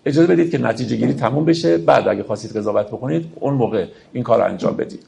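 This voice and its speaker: A man lecturing on classical poetry in a gravelly voice. He explains each verse step by step and speaks to his listeners as friends. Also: mid-range voice, mellow.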